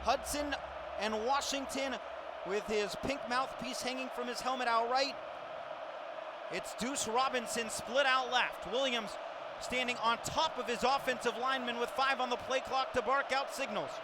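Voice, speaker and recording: Here a man with an extremely high-pitched voice keeps a steady tone and moderate pace while announcing football on the radio over a noisy crowd. His delivery is clipped and descriptive, projected in classic sports-caller style against the roar of the stadium.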